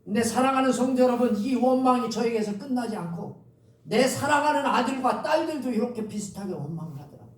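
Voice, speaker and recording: A man's voice: very high voice, lively intonation, brisk. A man preaching a sermon as pastor, speaking to the congregation and drawing responses from them. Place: church sanctuary. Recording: echoey church recorded from a distance.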